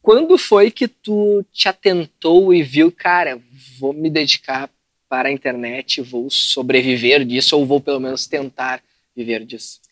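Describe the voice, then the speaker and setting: A podcast host who asks questions bluntly and swears casually in relaxed conversation. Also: medium pitch, unhurried, dry recording. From southern Brazil.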